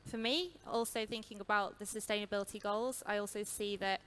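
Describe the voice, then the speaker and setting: A woman with a bright, clear voice speaks as a panelist on a large stage. Her talk is fluent and measured, picked up by a headset mic with faint noise around. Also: medium pitch, fairly even intonation. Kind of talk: panel discussion.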